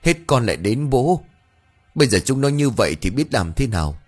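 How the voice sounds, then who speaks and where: A man's voice: lowish voice, lively intonation, a little fast, husky, soft background music. A man voicing an anxious, tearful old village wife who pleads fretfully. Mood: pleading.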